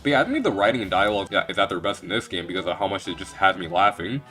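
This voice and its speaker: A man's voice: low voice, expressive, rapid-fire, pushed and bright, soft background music. A young man giving a casual video game retrospective, rambling and joking with lots of restarts.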